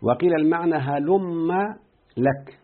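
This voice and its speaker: Man teaching in an Egyptian accent. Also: a little high. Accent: Egyptian Arabic. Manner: keeps quizzing the student, repeating words slowly. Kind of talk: grammar lesson. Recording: tinny phone-like line.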